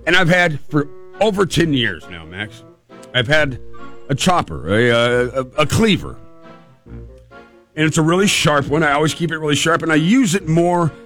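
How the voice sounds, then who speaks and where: A man's voice: fairly high pitch, sing-song, measured pace, a bit bright, soft background music. A man hosting radio, telling a casual, humorous personal story in a rambling way, repeating phrases for emphasis. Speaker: radio host.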